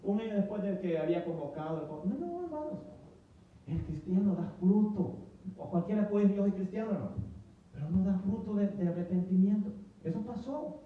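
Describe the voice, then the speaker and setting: A male pastor preaching a history sermon in an animated way, acting out voices and often repeating himself. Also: high voice, a little fast. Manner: animated, acts out quoted voices, stumbles and repeats words. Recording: heavy echo, distant mic, tinny phone-like sound.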